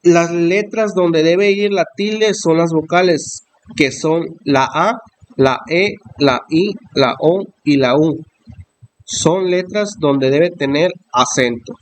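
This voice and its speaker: A man reading out a school lesson on stress and accent marks, slowly explaining each example. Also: on the high side, no echo. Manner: slow, careful explanation with examples.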